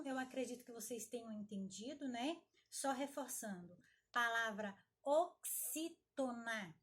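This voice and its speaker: A woman teaching a recorded lesson, drawing out example words loudly to stress syllables and often checking with her students. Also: on the high side. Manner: asks frequent checking questions to students.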